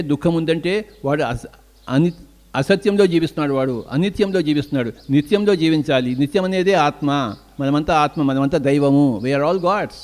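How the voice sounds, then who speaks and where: A man's voice: on the high side, a little mellow. An older man with a Telugu accent giving an emphatic spiritual discourse as a meditation teacher, asking questions and answering them himself.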